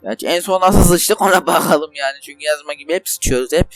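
High-voiced young man ranting over gameplay. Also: fast, fairly bright tone, dry recording, faint music behind. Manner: rambling, swears and rants at the game in frustration. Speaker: gaming channel host. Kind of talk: casual let's play commentary. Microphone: desk microphone.

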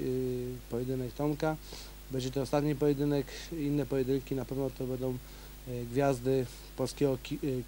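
A man, a kickboxing coach and organizer, answering questions in a local TV interview, pausing often with fillers. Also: medium pitch, a little mellow, a little hiss or hum, low-quality recording. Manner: hesitant, many fillers.

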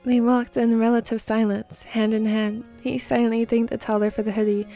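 Woman reading fan fiction, flat and mellow. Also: fairly high pitch, normal speed, faint music behind. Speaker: narrator.

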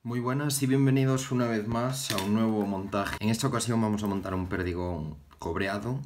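A young man from Galicia hosting a casual fly-tying tutorial, talking haltingly and repeating words as he works with his hands at an indoor bench. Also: fairly low pitch, background noise. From Galicia, Spain. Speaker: fly-tying channel host.

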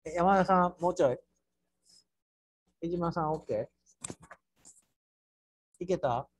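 A man with a Kansai accent teaching an architecture class through a software task, playful, with sound words and mock squeals. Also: sits high, normal speed, a little hiss or hum. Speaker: architecture instructor.

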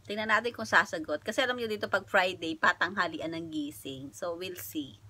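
A woman's voice: fairly low pitch, a little fast, pushed and bright, no echo. A woman from the Philippines vlogging at home, chatting casually with viewers and giggling often between lines. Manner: chatty, addresses viewers directly. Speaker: vlogger making prank calls. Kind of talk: casual chat. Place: home flat.

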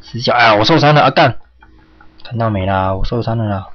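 A man's voice: mid-range voice, brisk. Jumpy young man yelping at a game. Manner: jumpy, yelps and curses at the game. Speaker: game streamer. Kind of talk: horror game let's play commentary. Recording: slightly dull lo-fi home mic with faint hiss.

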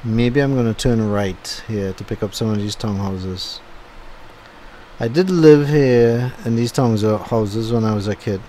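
Speaking at a measured pace in a lowish, mellow voice, the middle-aged channel host thinks aloud over his driving video, loose and full of fillers. He recorded it at home after the drive, and a little hiss or hum is audible.

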